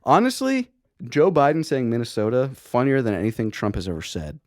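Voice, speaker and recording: Rambling, profane young man with lively pitch. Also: brisk, no echo, clean studio sound. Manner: rambling, profane, laughs often, many restarts. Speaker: podcast host. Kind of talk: casual chat.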